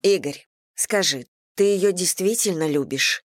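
A woman reading an audiobook, voicing a protective older sister who scolds in a sharp, worried way. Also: lowish voice, unhurried, no echo, studio quality. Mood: scolding.

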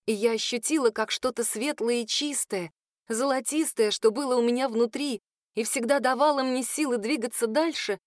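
A woman narrating a fantasy audiobook in the first person, expressive and dramatic, on a close mic. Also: fairly high pitch, no echo.

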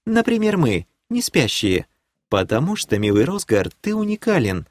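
A man voicing a haughty, scheming noblewoman who leads a clan in an audiobook; he raises his voice to play her, and she talks in a sweetly condescending way that turns sharp. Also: mid-range voice, wildly swooping pitch, normal speed, no room sound, voice pushed up. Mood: lecturing. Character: haughty scheming female baroness, clan leader.

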